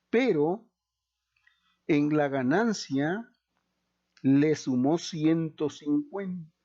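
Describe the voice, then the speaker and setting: A man's voice: fairly high pitch, mellow, lo-fi sound. A man teaching an accounting class, explaining step by step, repeating key points and asking himself questions. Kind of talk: slow, deliberate classroom explanation.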